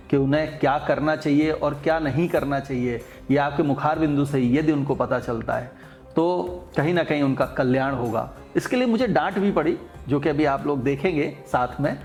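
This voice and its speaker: A man's voice: mid-range voice, a little mellow. A man hosting a devotional interview, earnest and emotive, with sudden lifts in his voice. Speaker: host.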